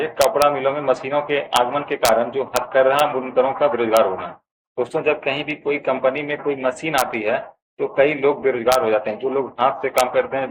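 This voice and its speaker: With a Bihari Hindi accent and a mid-range voice, a man walks through an exam answer key, explaining each option in turn at a steady pace. He addresses his viewers as friends, and the audio is poor.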